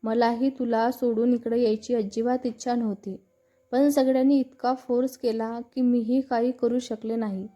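A woman reading as a gentle pleading girlfriend. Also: fairly high pitch, flat delivery, moderate pace, close to an everyday voice. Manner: soft, coaxing. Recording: dull lo-fi narration with faint music.

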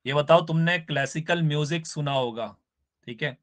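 A man's voice: a little high, a bit bright. A man teaching a live online class, explaining step by step and often checking in with his students. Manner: spells out words slowly for emphasis.

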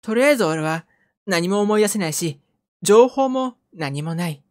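A woman's voice: medium pitch, expressive, normal speed, darkish tone, natural voice. Woman reading a wry, bewildered young man. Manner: wry narration. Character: bewildered young man with no memory, dry inner voice. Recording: game music underneath.

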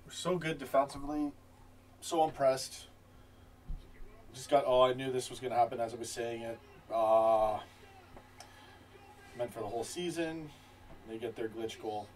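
A man's voice: mid-range voice, moderate pace, pauses often, darkish tone. A young man giving casual watch-along commentary as a football fan. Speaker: football fan reacting to a match. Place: small wood-panelled fan room, away from the camera. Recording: room mic at a distance.

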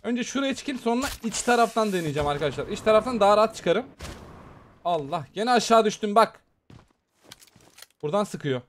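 A gaming YouTuber with a fairly high male voice gives live commentary on a mobile game match in rapid, excitable bursts. Chatty throughout, he speaks directly to his viewers while faint noise lingers beneath the audio.

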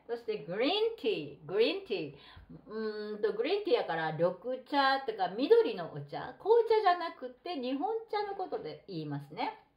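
A middle-aged woman teaching a textbook English lesson, reading model phrases slowly and deliberately. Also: on the high side, lo-fi sound. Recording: roomy echo.

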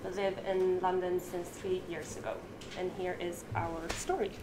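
A woman's voice: on the low side, little pitch movement, unhurried. Woman, from Sweden, founder giving a talk, slightly hesitant, roomy and noisy. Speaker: startup founder speaker. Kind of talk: conference talk. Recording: echoey room with background noise.

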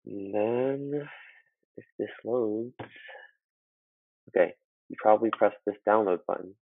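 A student talks slowly through a casual computer tutorial for a how-to screen recording, chatty and full of fillers. His fairly low voice, picked up by a built-in laptop mic, sounds muffled as though through a wall, without room sound.

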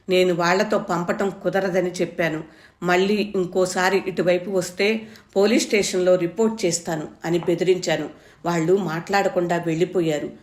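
A woman reading a story aloud, raising her voice for the characters' shouts. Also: lowish voice. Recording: echoey room.

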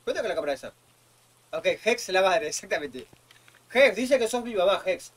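A man's voice: high-pitched, expressive, brisk, a bit bright. A young man with a Rioplatense Spanish accent, streaming a horror game and chatting nervously, repeating himself. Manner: jittery, repeats himself, jokey. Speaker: gaming streamer. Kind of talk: casual gameplay chat.

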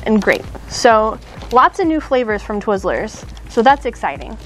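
A woman's voice: on the high side, very animated, a little slow, slight background noise. A woman in her thirties hosting a casual candy shop chat, upbeat and chatty with fillers and small laughs.

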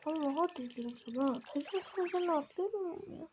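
A woman's voice: high-pitched, animated, fairly quick, mellow, a little hiss or hum. A woman giving casual commentary while playing a game, talking to herself and getting exasperated. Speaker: gaming video host.

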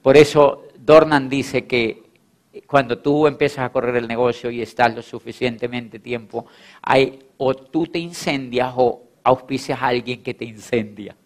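A man's voice: mid-range voice, fairly even intonation, measured pace. A man giving a motivational stage talk to an audience, repeating phrases for emphasis and acting out quoted voices. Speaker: motivational speaker.

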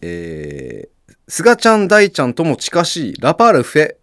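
A man's voice: a little high, wildly swooping pitch, moderate pace, a bit bright, no room sound, clean studio sound. A young man co-hosting a comedy podcast, chatting casually with teasing jokes and reading out listener mail. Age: young adult.

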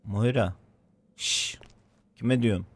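Excitable man in his thirties commenting on gameplay. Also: on the low side, slow pace, breathy edge. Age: 30s. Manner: excitable, swears and exclaims at the game. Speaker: let's play gamer.

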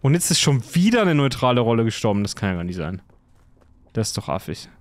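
A man's voice: mid-range voice, big pitch swings, fast talker. A man in casual voice chat during a social deduction game, chatty and full of theories and joking asides. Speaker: game player.

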